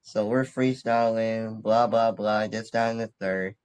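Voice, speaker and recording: This Bridgeport, Connecticut rapper, twenty years old, sits in for a casual interview as a guest, laid-back, slangy, and quick to laugh. His voice is on the low side and a little mellow, with fairly even intonation, a measured pace, and a clear, resonant tone.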